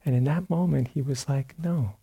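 A man giving a dharma talk at a meditation retreat, telling a story in a relaxed way with many fillers and restarts, sometimes acting out sounds and quotes. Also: on the low side, a little slow, slightly rough. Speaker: meditation teacher. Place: retreat center meditation hall.

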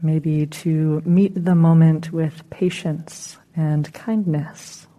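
Leading a guided meditation, a female teacher uses a deep voice and a steady tone. Her delivery stays soothing and unhurried while she gently gives instructions.

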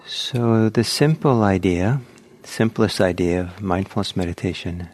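A man with a lowish voice gives a guided meditation talk. He speaks slowly and gently, often pausing mid-thought as he leads listeners. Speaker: meditation teacher. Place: meditation center.

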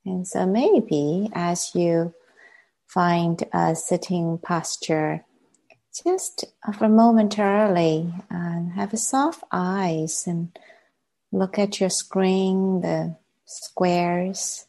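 A native Chinese speaker guides a meditation as a teacher in a lowish, creaky voice. Her delivery is gentle, with long pauses she never rushes.

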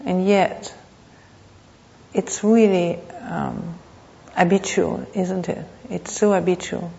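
A woman gives an unscripted dharma talk as a meditation teacher, speaking reflectively and haltingly, with pauses and repeated phrases. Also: on the low side, steady tone, creaky, warm tone. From Thailand. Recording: muffled, reverberant hall.

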